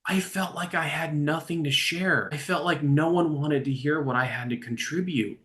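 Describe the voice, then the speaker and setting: The man, a recovery coach interviewed in a conversational setting, has a voice on the high side and a moderate pace. Earnest at first, he becomes animated as his story goes on.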